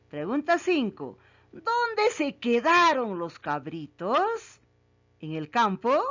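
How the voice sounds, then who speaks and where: A woman's voice: fairly high pitch, a bit bright. A woman teacher asks children questions about a story, repeats each question, and then confirms the right answer. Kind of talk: reading comprehension quiz for children. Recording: muffled lo-fi recording.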